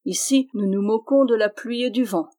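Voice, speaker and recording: A woman's voice: a little high, normal speed, warm tone, lightly acted. A woman voicing an impish little male dwarf who mocks and teases in a raised, exuberant voice. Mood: teasing. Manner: teasing, exuberant.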